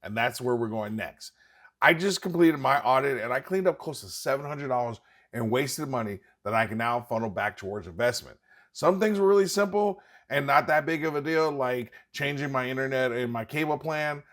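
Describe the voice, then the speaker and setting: A man's voice: mid-range voice, lively intonation, normal speed, fairly bright tone. A man hosting an investing channel, talking straight to his viewers in an emphatic, urging way and repeating points for stress. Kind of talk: scripted direct-to-camera commentary.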